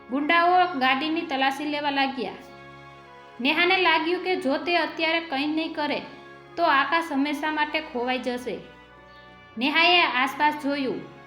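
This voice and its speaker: Woman narrator, scripted story, high voice, echoey room, faint music behind. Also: sharp tone.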